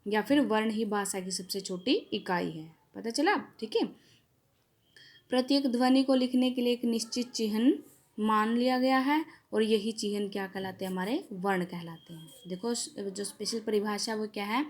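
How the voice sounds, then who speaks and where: A woman teacher, giving a classroom grammar lesson, explaining step by step, asking questions and answering them herself. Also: mid-range voice. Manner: draws out vowel sounds slowly and loudly when reciting them. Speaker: school teacher.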